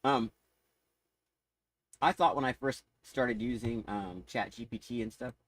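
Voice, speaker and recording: Brief: laid-back guy streamer, mid-pitched, wandering off topic, loose unscripted talk. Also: a little slow, a bit bright, poor audio. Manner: rambling, easily sidetracked, laughs often. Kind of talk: casual livestream chat.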